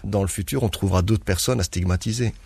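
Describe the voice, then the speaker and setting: A man's voice: lowish voice, quick pace, creaky, a little mellow, slightly rough, no room sound. A young man, a stage performer raised in Guinea, speaking earnestly as a guest in a radio interview and laughing often as he tells stories.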